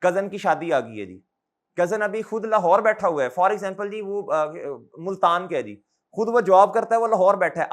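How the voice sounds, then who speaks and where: High-voiced Pakistani lecturer scolding fondly. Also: male voice, fairly bright tone. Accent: Pakistani Urdu. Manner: repeats questions back to students for a chorus answer; scolding, fatherly, addresses students as children. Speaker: accounting lecturer. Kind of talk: classroom lecture.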